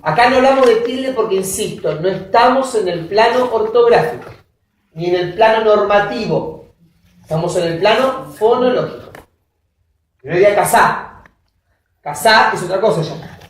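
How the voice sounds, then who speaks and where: A woman giving a university lecture, often checking that her students follow with quick questions. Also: mid-range voice, expressive. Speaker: linguistics lecturer. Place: classroom. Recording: roomy classroom audio from a distance.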